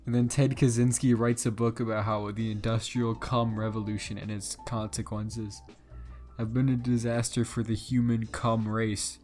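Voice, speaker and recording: A young man co-hosting a comedy podcast, riffing crude, deadpan jokes over faint background music. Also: lowish voice, moderate pace. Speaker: podcast co-host. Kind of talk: casual comedic chat.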